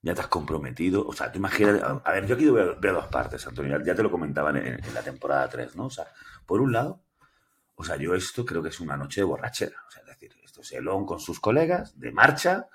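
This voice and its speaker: Raspy spanish dude, low voice that jumps all over, joking podcast banter. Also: male voice, fast. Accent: Spanish from Spain. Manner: animated, joking, slips into mock voices. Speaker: podcast co-host. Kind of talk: casual chat.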